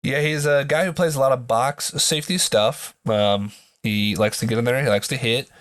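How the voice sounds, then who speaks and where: A man's voice: mid-range voice, normal speed, fairly bright tone, no echo, clean studio sound. A man hosting a sports podcast in casual commentary, his voice nasal from a blocked nose, as if pinching it, with joking asides.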